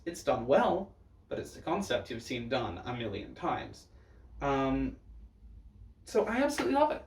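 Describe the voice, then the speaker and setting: A man with a sassy, campy drag queen manner giving casual, blunt reaction commentary. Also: mid-range voice. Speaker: drag performer reviewing looks. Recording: roomy echo, distant microphone.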